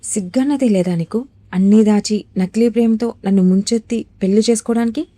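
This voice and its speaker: A raging young husband spits sneering insults and shouts at his new wife, as a woman voices him. The voice has a warm, mellow tone, recorded close and dry with no room sound. It plays as an audio storybook drama. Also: medium pitch, a little fast, no room sound, close to an everyday voice. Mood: furious. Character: furious jealous young husband, harsh and cruel.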